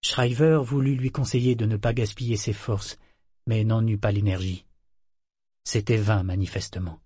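A man narrating an audiobook in a measured, even storytelling manner. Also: fairly low pitch, breathy edge, no echo, clean studio sound.

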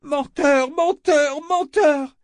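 A man's voice: extremely high pitch, fairly even intonation, a little fast, dry recording, pitched above the performer's own voice. A man voicing a shrieking, unhinged young woman. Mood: shrieking rage. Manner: shrieking, repeating words. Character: frenzied barefoot young woman, furious and unhinged. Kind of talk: audiobook character voice.

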